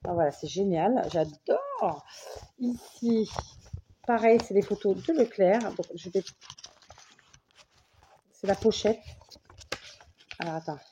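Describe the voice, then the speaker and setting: A woman's voice: medium pitch, big pitch swings, slow pace, pauses often, mellow, a little hiss or hum. A woman from France chatting casually to camera while showing a parcel of craft paper, thinking aloud and saying again and again how much she loves each piece. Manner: enthusiastic, keeps saying she loves things; thinks aloud, restarts and trails off. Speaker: vlogger showing mail she received. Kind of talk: casual unboxing chat to camera.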